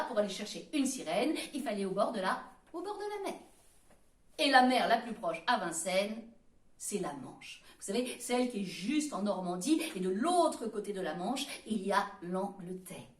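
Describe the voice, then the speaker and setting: A woman from France telling a children's story, lively and playful, with sung refrains and sound effects. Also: mid-range voice, normal speed, recorded from a distance. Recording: roomy sound from away from the mic.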